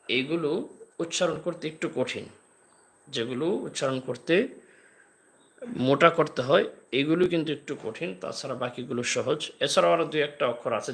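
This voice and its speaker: A man teaching the Arabic alphabet in a live online class, patiently explaining and repeating each letter sound slowly. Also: mid-range voice, gravelly, fairly bright tone. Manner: slow drilled letter sounds with repeated examples.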